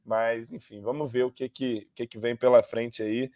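A man's voice: medium pitch, little pitch movement, moderate pace, warm tone, no echo. A man with a Brazilian Portuguese accent comments on football in a casual, slangy, conversational way. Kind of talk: casual sports discussion.

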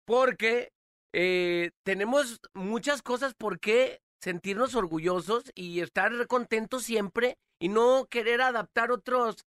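An earnest Mexican man on a morning radio show who restarts his sentences as he speaks. His voice is high and bright, and the sound is close and dry. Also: no room sound. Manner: earnest, halting, many restarts. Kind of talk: casual chat.

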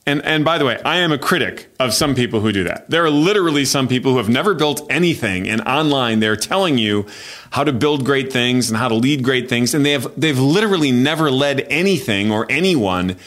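Male podcast host, mid pitch, animated, emphatic, faith advice talk. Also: a little fast.

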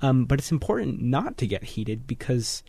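A teenage boy on a radio panel, explaining his views in a measured way with frequent ums. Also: medium pitch, very animated, vocal fry, mellow, breathy edge, no echo. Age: teens. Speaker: teen panelist. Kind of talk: thoughtful radio panel talk. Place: radio studio.

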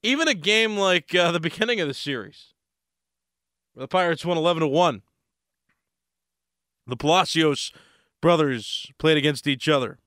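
This American sports talk radio host has a fairly high, clean voice that's slightly hoarse. He speaks casually and unhurriedly, pausing mid-thought. The recording is close, dry, a bit bright, and has no echo.

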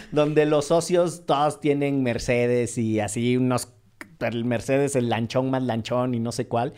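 A man's voice: mid-range voice, slow, clear, resonant tone. A man from Mexico talking casually and jokingly as a podcast co-host. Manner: relaxed, joking, colloquial. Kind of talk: casual chat.

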